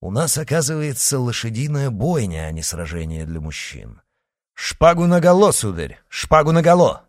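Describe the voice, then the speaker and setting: A man's voice: fairly low pitch, expressive, moderate pace, few pauses, a little mellow, no echo, studio quality. A man voicing a mocking swordsman with a sonorous voice.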